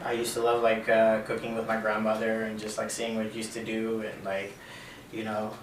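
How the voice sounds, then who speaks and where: Low flat-voiced man, roomy and distant. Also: moderate pace. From Canada. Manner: relaxed, repeats himself, many fillers. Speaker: chef and caterer; interview guest. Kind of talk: casual interview. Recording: roomy, distant from mic, faint noise.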